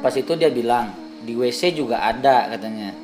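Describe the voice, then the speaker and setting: A young man from Indonesia tells a ghost story in a casual vlog, pitch sitting in the middle. He acts out the quoted voices as he goes. Faint music plays behind him. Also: moderate pace. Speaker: vlogger.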